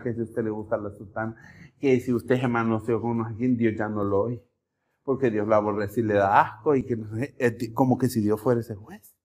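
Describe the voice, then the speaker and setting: A male pastor preaching a sermon in a conversational way, often checking in with the congregation and telling lively stories. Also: mid-range voice, husky. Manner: conversational, keeps asking the congregation "¿verdad?"; animated storytelling with acted-out voices and jokes.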